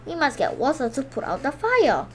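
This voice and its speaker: Woman playing a storybook strongman, high lively voice, easygoing, helpful, matter-of-fact, faint background noise. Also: moderate pace. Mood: decisive.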